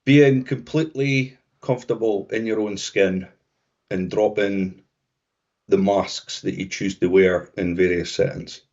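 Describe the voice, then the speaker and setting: A man's voice: on the low side, steady tone, unhurried, darkish tone. A Scottish man co-hosting a podcast, talking reflectively in casual conversation with frequent restarts. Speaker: podcast co-host. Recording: dull lo-fi sound.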